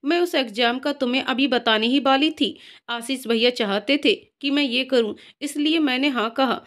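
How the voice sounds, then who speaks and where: A woman reading the part of a gentle young wife in a storybook tale, speaking earnestly and pleading. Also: sits high, normal speed.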